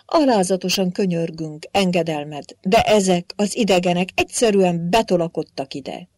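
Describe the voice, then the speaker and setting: A woman's voice: lowish voice, darkish tone, no echo, studio quality, natural voice. A woman voicing a fawning male leader of monks who whines obsequiously. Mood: whining. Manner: whining, obsequious.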